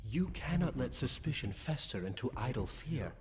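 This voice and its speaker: A man's voice: mid-range voice, sing-song, normal speed, darkish tone, in a large hall, lightly acted. An actor playing a stern, dutiful male samurai in a video game, speaking formally and earnestly. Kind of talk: dramatic game voice acting.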